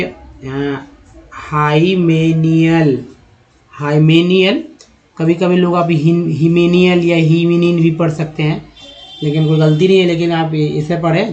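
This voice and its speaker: Guy teaching english reading, drags out each word slow, kinda high voice, dull lo-fi sound. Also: a little mellow. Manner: drawn-out syllables, repeating each word. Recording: dull lo-fi recording.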